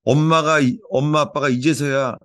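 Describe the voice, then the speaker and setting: A man's voice: on the high side, fairly even intonation, normal speed, a bit bright, no room sound, clean studio sound. A man who is a pastor, preaching in a casual way and telling stories, repeating phrases and restarting often. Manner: chatty storytelling, repeats phrases, stumbles and restarts. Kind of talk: informal sermon and sharing time.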